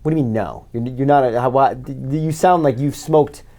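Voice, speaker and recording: A man's voice: mid-range voice, fairly quick, mellow. A man hosting a podcast, talking casually and questioning in an incredulous way. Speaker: podcast host. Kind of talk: casual interview chat, profane.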